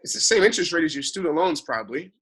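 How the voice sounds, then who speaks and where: With a fairly high, breathy-edged voice, this male financial advisor talks rapid-fire about money matters in casual conversation. His manner is animated, with long explanatory stretches full of "right?" check-ins.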